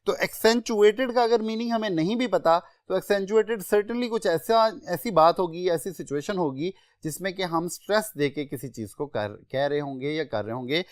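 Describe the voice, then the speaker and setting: A man with a Pakistani accent giving an exam-prep English vocabulary lecture, explaining words in a measured way and listing synonyms one by one. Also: sits high, expressive, no room sound, clean studio sound.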